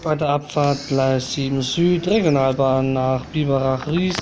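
A man giving train commentary in the flat, formulaic manner of a platform announcement, outdoors at a station. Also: mid-range voice, a little slow. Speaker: train-spotting video maker and commentator. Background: loud ambience and vehicle noise.

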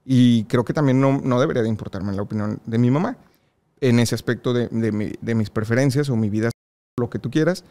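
A man's voice: mid-range voice, a little fast. Chatty Mexican man telling a story. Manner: lively, laughs often while telling stories. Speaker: podcast guest. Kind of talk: casual interview storytelling.

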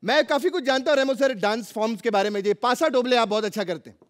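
A man's voice: very high voice, fast talker. A male stand-up comedian roasting the judges and guests on a TV comedy stage, cheeky and teasing, building each line toward a punchline. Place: TV comedy stage with live audience. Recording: live stage, crowd and noise.

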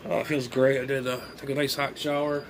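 In a small bedroom, a middle-aged male amateur radio hobbyist and vlogger thinks aloud through a casual unboxing, rambling and muttering to himself as he handles items. His medium-pitched voice is level in tone and brisk. The phone, propped at arm's length, picks up noticeable noise: clear background noise and room ambience.

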